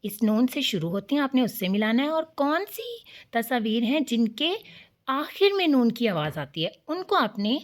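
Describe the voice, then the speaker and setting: A woman's voice: fairly high pitch, sing-song. Patient woman teaching children's letters. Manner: sounds out letters slowly for children to repeat; patient and encouraging. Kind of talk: children's lesson.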